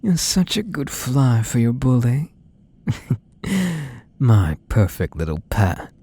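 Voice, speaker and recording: A man voicing a possessive young half-spider bully in an intimate ASMR role-play, coaxing and teasing softly, tender yet menacing. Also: medium pitch, lively intonation, measured pace, gravelly. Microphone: close microphone.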